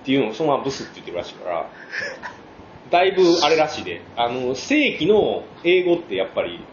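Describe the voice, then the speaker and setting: A man with a Kansai accent co-hosting a casual podcast chat, telling stories quickly and laughing often. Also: medium pitch, a little hiss or hum. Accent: Kansai Japanese. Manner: animated, quick storytelling with frequent laughs. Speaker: podcast co-host. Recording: roomy, slightly dull home podcast audio.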